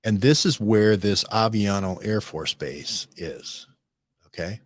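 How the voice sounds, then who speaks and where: A man hosting a casual studio discussion, rambling and animated, often restarting and checking in with "right?". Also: on the low side, slow, husky, no echo. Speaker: host.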